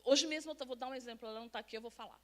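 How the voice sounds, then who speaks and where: A middle-aged Brazilian woman preaches in a church with a high, light voice. Her sermon is chatty rather than solemn. She keeps stopping to quiz the congregation directly. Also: rapid-fire. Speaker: pastor. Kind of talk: conversational sermon. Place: church sanctuary.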